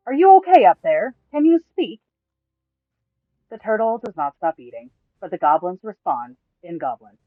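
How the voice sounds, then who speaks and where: High-voiced man narrating a game story. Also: dry recording. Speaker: dungeon master and narrator. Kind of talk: reading a tabletop game story. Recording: tinny, phone-like, dry, faint music.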